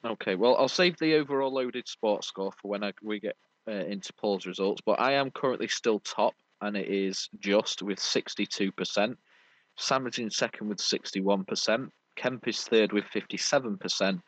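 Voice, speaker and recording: A man's voice: on the low side, normal speed, a bit bright, no echo. A British man hosting a sports podcast, chatting casually and explaining things in a matey, rambling way. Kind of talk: casual sports review chat. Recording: dull lo-fi audio.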